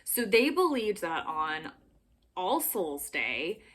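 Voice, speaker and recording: A woman's voice: lowish voice, sing-song, slow, fairly bright tone, slightly rough. A young woman hosting a casual explainer vlog from home, chatty and giggly, with lots of filler words. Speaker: vlogger. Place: home room with backdrop.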